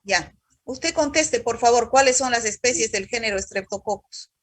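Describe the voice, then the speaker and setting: Woman lecturer, stern and scolding, slightly husky higher voice, dry close sound. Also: moderate pace, no room sound. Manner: stern, scolding, calls students hijita. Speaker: university microbiology teacher. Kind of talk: online class roll-call quiz.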